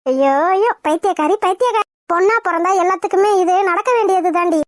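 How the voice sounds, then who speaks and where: Bossy mom in a cartoon scolding everyone, highish voice, dry close mic voice actor doing her. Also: dry recording. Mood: teasing. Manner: lecturing, brisk and firm. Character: scolding practical mother. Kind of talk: cartoon voice acting.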